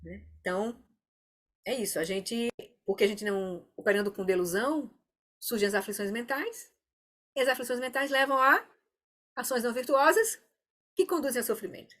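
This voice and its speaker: A woman teaching an online meditation class, explaining calmly and often checking in with her students. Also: mid-range voice. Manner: calm, explanatory, often asks "né?". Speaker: Dharma teacher.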